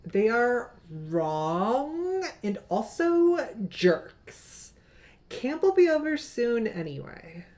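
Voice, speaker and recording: A woman's voice: fairly high pitch, sing-song, very slow, a little mellow, heavily acted. A woman voicing a tipsy teenage girl at camp, reading her lines in a drawling, slurred voice. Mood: wry.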